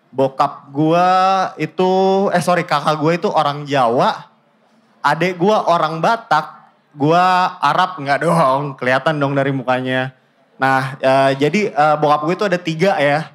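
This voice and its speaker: A man in his twenties with a Jakarta accent, telling his life story in a casual, joking way with deadpan fake-outs and English mixed in. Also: a little high. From Indonesia. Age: 20s. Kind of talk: casual stand-up style storytelling.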